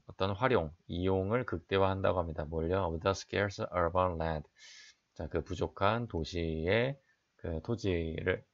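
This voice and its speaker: Low gravelly man teaching English. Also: highs cut off. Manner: explains sentence by sentence, reads English then translates; frequent "자" fillers, asks and answers own questions. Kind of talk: exam prep lecture.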